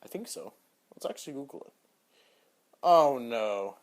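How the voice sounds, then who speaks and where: A young man hosting a casual solo podcast, answering search-engine questions in an offhand, rambling way that often trails off quietly. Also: mid-range voice, animated, a little slow. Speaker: podcast host.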